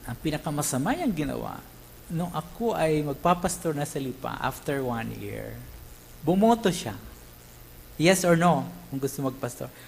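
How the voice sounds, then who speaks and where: A male pastor from the Philippines delivers a sermon with swooping, animated intonation. His voice sits a little high, and he keeps checking in with his listeners through short tag questions. Faint ambience from the room can be heard behind him. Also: moderate pace, vocal fry, slight background noise, poor audio. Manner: animated, mixes English, tag questions, acts out quotes. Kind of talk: Tagalog sermon.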